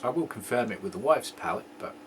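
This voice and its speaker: A man hosting a homebrew video, chatting casually as he tastes a beer, rambling and joking and often clearing his throat. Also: mid-range voice, expressive, quick pace, slight background noise. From England. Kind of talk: casual homebrew tasting chat.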